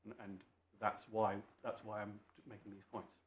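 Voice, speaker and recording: Man, British accent, lowish voice, learned courtroom advocate, deferential, halting repetitions, roomy echo. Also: little pitch movement. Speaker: barrister making submissions to appeal judges. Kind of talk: formal courtroom legal argument. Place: indoor courtroom. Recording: echoey courtroom with faint background noise.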